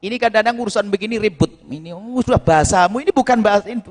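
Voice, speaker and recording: Male preacher, high voice, emphatic teacher fielding questions, long echoing hall sound. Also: racing. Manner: emphatic, explanatory, repeats key words. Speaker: preacher answering audience questions. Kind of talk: religious Q&A lecture.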